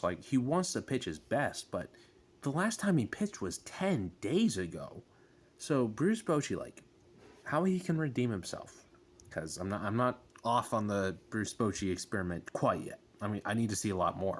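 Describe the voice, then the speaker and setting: A man on a casual sports rant as a fan, exasperated, with groans and emphatic bursts. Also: lowish voice.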